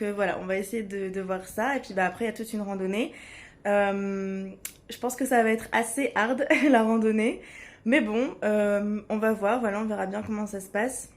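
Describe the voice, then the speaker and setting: A woman chatting casually as a travel vlogger, hesitant and searching for her words. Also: mid-range voice. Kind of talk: casual chat to camera. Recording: clear background ambient noise.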